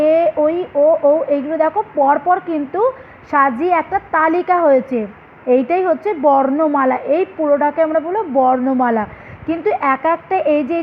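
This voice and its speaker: A woman with a Bengali accent teaches a primary school class in a high voice. She explains patiently and turns each point into a question for her students. The recording is dull and lo-fi, with a faint hiss behind her. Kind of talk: online class lesson.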